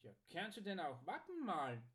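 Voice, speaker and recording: A man voicing an eager, secretive male singer in an audiobook story, with a lively delivery. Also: sits high, moderate pace, voice pushed up. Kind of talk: audiobook character voice.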